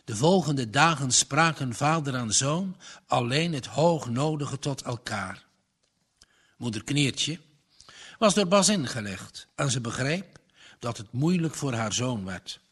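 A man reading a story aloud in a slow, measured way. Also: mid-range voice, expressive, fairly bright tone, husky. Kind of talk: storybook narration.

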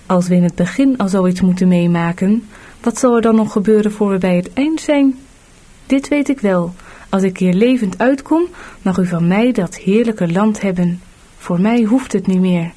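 A woman voicing an eager, fickle male traveling companion in a storybook audiobook, raised and excitable. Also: fairly high pitch, unhurried, voice pushed up. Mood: upset. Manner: excited, then quarrelsome and panicky.

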